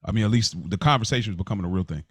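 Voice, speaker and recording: This co-host of a podcast speaks in a husky, lowish voice, rapid-fire, as he casually recounts personal stories and keeps repeating words and restarting phrases. The recording is dry.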